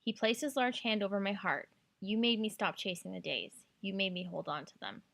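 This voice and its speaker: A Canadian woman hosts a book recommendation podcast, gushing with enthusiasm as she chats casually and reads out blurbs and quotes. Her mid-range voice is brisk and a bit bright, with some vocal fry.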